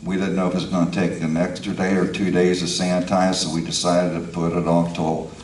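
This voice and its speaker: A man's voice: deep voice, level tone, brisk, darkish tone. A man chairing a community board meeting, speaking through a face mask. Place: indoor meeting room, far from mic. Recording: distant, echoey meeting room with noise.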